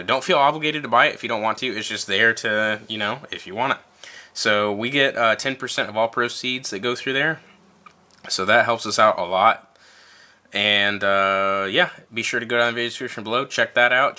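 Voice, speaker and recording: Bright-voiced low male gaming vlogger. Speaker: host of tabletop wargaming channel. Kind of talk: casual vlog talk to camera.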